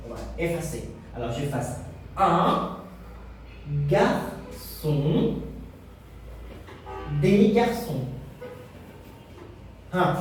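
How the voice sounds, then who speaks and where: A man's voice: high-pitched, darkish tone. A man teaching a French lesson to children at a board, acting out the pupils' answers himself. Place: classroom with whiteboard. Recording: echoey room, mic far off.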